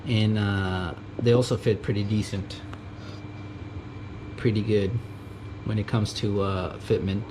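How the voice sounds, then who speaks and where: Born in the US to a Mexican family, this tool vlogger does a casual show-and-tell in a junkyard in Japan, his voice fairly low-pitched. He rambles, fills space with fillers, corrects himself, and chuckles. Audio comes from a GoPro camera mic, noisy and backed by air-conditioning hum.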